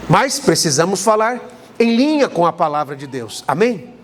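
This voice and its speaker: A man's voice: sits high, normal speed, slight background noise. A male pastor preaching a sermon, acting out dialogue and calling for amens. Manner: animated preaching, acts out dialogue, calls for amens.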